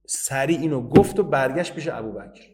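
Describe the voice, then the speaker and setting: A man giving a religious history lecture, reading old narrations out slowly and then explaining them in everyday speech. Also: mid-range voice, noisy background. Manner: reads Arabic narration slowly, then explains in casual Persian.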